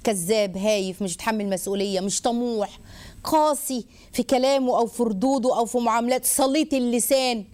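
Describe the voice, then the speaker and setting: A woman with an Egyptian Arabic accent hosts a religious advice talk, speaking fast in a fairly high voice. She's lively and rhetorical, listing points and mimicking people.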